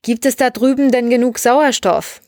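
A woman reading the part of an eager young male cosmonaut whose voice leaps up when excited. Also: on the high side, normal speed, no room sound, studio quality, voice pushed up, natural voice. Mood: anxious.

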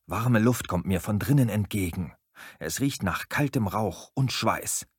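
Guy reading a scary story dramatic, low and husky, dry close mic. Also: animated, measured pace, dry recording. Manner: dramatic, swings between hushed and urgent reading. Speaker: audiobook narrator. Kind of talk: first-person horror story narration.

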